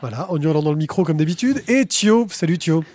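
A man's voice: on the high side, expressive, brisk, darkish tone, no echo, clean studio sound. A man hosting a casual comic comics podcast, recorded outdoors by a pool. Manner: joking, talks over others. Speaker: podcast host.

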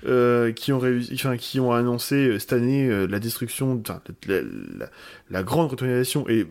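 A man's voice: mid-range voice, lively intonation, moderate pace, creaky, a little mellow. A man guesting on a casual podcast, talking in long, rambling runs with many restarts.

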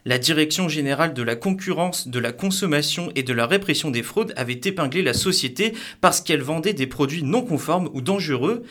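A young man reading scripted news items in a measured, formal way. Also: fairly high pitch, animated, fairly bright tone. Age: young adult. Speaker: news presenter.

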